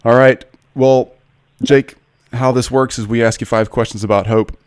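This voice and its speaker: Smooth-voiced podcast host, earnest man. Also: medium pitch, fairly even intonation, moderate pace, a little mellow, no echo, studio quality. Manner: earnest, personal and eager. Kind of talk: podcast interview.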